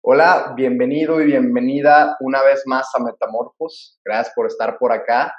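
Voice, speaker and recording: A male podcast host with a middle-pitched voice, earnest and admiring as he introduces his guest and asks questions. The sound is roomy and a little dull. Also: steady tone, normal speed. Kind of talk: podcast interview hosting.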